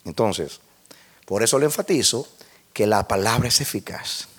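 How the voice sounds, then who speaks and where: A man with a low, husky voice preaches to a congregation at a moderate pace, animated throughout. Building his point, he repeats and restarts words, puts questions to his listeners, and moves between hushed lines and near-shouts.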